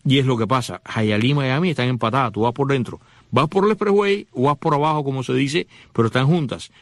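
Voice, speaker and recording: A man's voice: medium pitch, a little fast, no echo. A man, explaining in a casual, conversational way and speaking straight to the listener. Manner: conversational, addresses listener directly.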